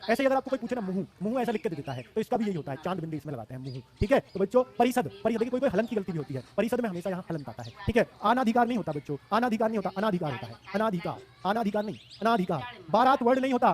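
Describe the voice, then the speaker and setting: A man's voice: high voice, a little mellow. A man in his thirties with a Hindi accent, teaching a live online class for exam students, emphatic and repeating words to drill them.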